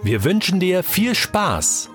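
A man's unhurried intro announcement, his voice rising and falling in a lively sing-song. Clear music plays under him. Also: high-pitched. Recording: voice over music.

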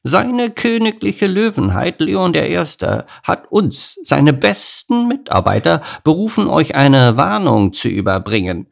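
A man's voice: fairly high pitch, sing-song, a little slow, vocal fry, hardly any pauses, pitched above the performer's own voice, full character voice. A man voicing a haughty, bossy female predator animal in a children's audiobook. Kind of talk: audiobook character voice.

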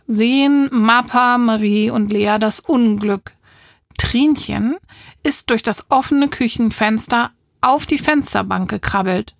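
A woman narrating a children's audiobook in a lively way, voicing the characters. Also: fairly high pitch, gravelly, no room sound, clean studio sound.

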